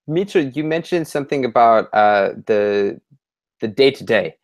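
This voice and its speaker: Young male panel host, halting delivery full of fillers. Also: fairly low pitch. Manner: hesitant, many fillers. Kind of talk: online panel discussion.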